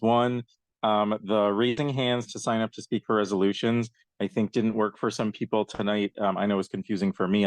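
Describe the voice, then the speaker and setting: A man with a somewhat low voice gives public comment on a video call, earnest and emphatic, often pausing with "um". The sound is dry and close, with no room around it. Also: no echo. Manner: earnest, many "um" pauses, emphatic. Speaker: public commenter at a council meeting.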